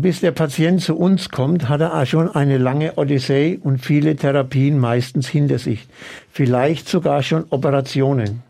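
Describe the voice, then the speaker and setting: A man who runs a treatment practice, explaining his therapy approach earnestly and in measured steps in an interview. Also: fairly high pitch, vocal fry, dark tone. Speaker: osteopathic practitioner.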